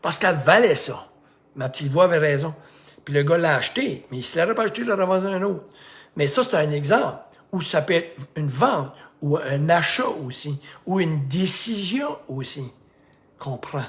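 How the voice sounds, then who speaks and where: A man's voice: fairly high pitch, lively intonation, normal speed, fairly bright tone. A middle-aged man with a Québécois accent, a life coach giving a casual, rambling motivational talk that repeats itself and acts out bits of dialogue. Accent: Québécois French.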